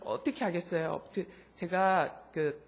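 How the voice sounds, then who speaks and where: A middle-aged woman pastor preaching a sermon with a personal testimony, naturally loud-voiced, telling her story with emotion and acting out the dialogue, soft one moment and impassioned the next. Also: on the low side, unhurried. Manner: swings between soft intimate lines and loud impassioned bursts.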